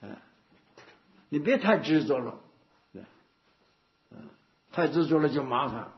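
A male Buddhist teacher gives a dharma talk full of stories, repetition and rhetorical questions. His fairly high voice has lively intonation and an unhurried pace, in a dull lo-fi recording.

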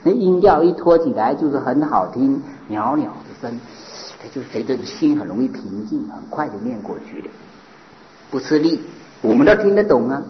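Animated man preaching a Buddhist sermon. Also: fairly high pitch, a little hiss or hum. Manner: animated, rhetorical questions, mimics mockers. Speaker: Buddhist monk. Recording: dull lo-fi recording.

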